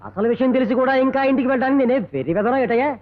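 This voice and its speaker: An actor playing a fretful older schoolmaster who complains with theatrical exaggeration. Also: male voice, extremely high pitch, lively intonation, rapid-fire. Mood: indignant. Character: fretful old village schoolmaster. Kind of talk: 1980s film comedy dialogue. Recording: dull lo-fi old film soundtrack.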